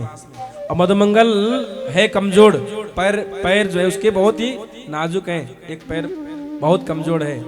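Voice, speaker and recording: High-voiced man telling a devotional tale. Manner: animated, acts out the characters' words. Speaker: devotional storyteller.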